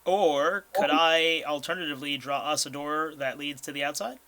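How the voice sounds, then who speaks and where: A young Californian man playing a tabletop game, easygoing and quick to question the rules. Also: fairly high pitch, steady tone, sharp tone. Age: young adult. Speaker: player. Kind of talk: casual chat around a tabletop game.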